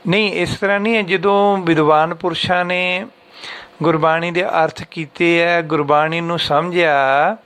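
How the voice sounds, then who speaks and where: A man teaching how to read and understand scripture, patiently repeating lines and chanting them slowly to show the pauses. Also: fairly high pitch, fairly even intonation, fairly bright tone, smooth. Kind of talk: explanatory religious lesson.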